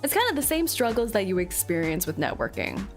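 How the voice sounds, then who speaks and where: A woman's voice: medium pitch, very animated, a little fast, soft background music. A woman chatting casually on a livestream to her viewers, with a playful, cute anime-streamer delivery. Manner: playful, giggly. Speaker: VTuber streamer.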